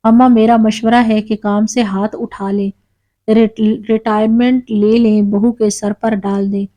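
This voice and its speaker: A woman voicing a calm doctor giving gentle advice. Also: mid-range voice, natural voice, poor audio. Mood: kindly. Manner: gentle advising.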